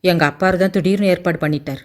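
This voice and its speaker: A woman voicing a sharp-tongued, quick-tempered 18-year-old village girl in a Tamil audiobook. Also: lowish voice, lightly acted. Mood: aggrieved. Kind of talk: audiobook character voice.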